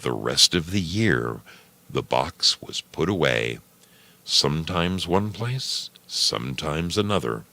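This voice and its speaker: An extremely deep male voice, gravelly and creaky, narrates a short story from a script. The speaker, a storyteller and program host, paces the prose deliberately in measured phrases while his intonation moves in a lively way.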